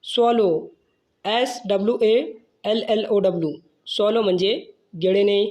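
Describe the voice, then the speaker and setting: Teacher voice, very slow and deliberate, spells words out letter by letter, mid pitch. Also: fairly even intonation, a little mellow. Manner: slow, measured, spells each word then gives its meaning.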